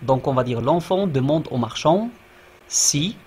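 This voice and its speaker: A man teaching a grammar lesson in class, speaking slowly, repeating himself and checking with the students. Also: a little high, animated, darkish tone, husky. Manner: slow, repeats and checks with "d'accord?".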